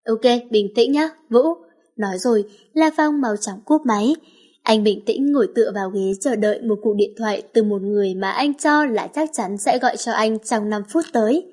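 A woman narrating a romance story in a brisk, even reading. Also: on the high side.

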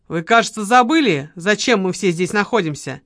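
A woman's voice: mid-range voice, expressive, normal speed, a bit bright, dry recording, clean studio sound, natural voice. A woman reading an audiobook, voicing a cold young woman with a gun who gives curt, harsh orders. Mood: cold commanding. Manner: curt, commanding.

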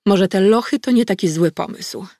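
A woman reading a first-person audiobook in a measured, wry storytelling manner on a close mic. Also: medium pitch, mellow, no room sound. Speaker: audiobook narrator.

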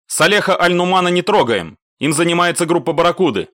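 A man voicing a steady male assault commander giving orders by radio in an audiobook. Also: high-pitched, brisk, dry recording, clean studio sound, pitched above the performer's own voice. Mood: commanding. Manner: clipped, orders.

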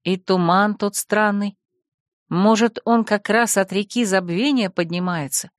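A woman narrating a fantasy audiobook in first person, with a wry, lively storytelling manner. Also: mid-range voice, unhurried, dry recording, clean studio sound.

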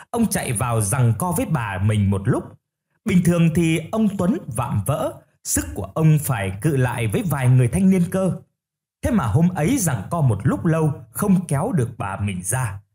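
A man narrating a first-person ghost story in a steady storytelling manner. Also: on the high side, normal speed.

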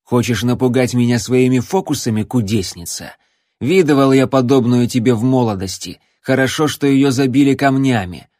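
A man's voice: normal speed, no echo, clean studio sound, natural voice. Man doing a snarling, spiteful old hermit. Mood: scornful. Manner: shouting insults, later shrill panicked falsetto. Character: coarse surly male hermit hunter, hateful and scornful.

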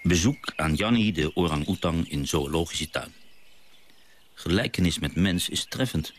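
An actor playing a gentle father and naturalist who tells stories of his sea voyage, in a radio drama. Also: sits low, normal speed.

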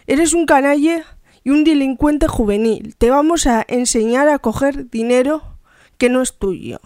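A woman reading the part of a threatening, sarcastic male police officer in a slow, clear narration. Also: high voice, dark tone, no echo, clean studio sound. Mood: menacing. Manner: menacing interrogation.

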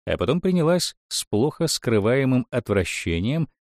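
A man narrates a fairy tale in an expressive storytelling voice. His pitch is mid-range but swings lively through each phrase. The recording is dry and close, with no room sound. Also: normal speed, dry recording. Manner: expressive, animated.

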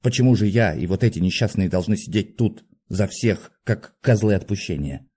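A man voicing an agitated young male asylum patient who shouts bitter accusations. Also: on the low side, normal speed, slightly rough. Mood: indignant.

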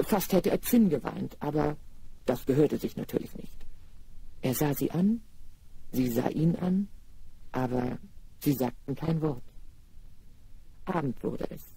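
A man narrating a fairy tale for children in a radio play, lively and speaking directly to the listeners. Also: a little high, unhurried, gravelly, long pauses, a little hiss or hum.

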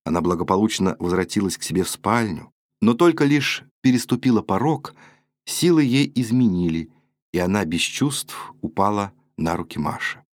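Low-voiced man reading a classic novel. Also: no room sound, studio quality. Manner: measured, expressive classical reading. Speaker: audiobook reader, actor and announcer. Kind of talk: scripted audiobook narration.

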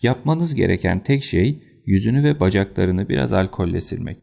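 Man voicing a calm detective for an audiobook, deep, gravelly, unshaken. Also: moderate pace. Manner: cool and unruffled. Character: calm, confident male detective. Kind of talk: audiobook character reading.

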